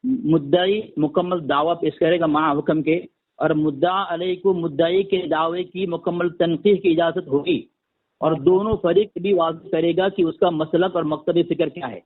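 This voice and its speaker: A man's voice: fairly high pitch, fairly even intonation. A man on a phone call firmly laying out numbered conditions for a religious debate. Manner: insistent, lists numbered conditions formally. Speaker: debater setting terms. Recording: tinny phone line.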